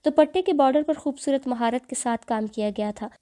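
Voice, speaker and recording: Woman audiobook narrator, earnest storyteller, warm low-brightness tone. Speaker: novel narrator.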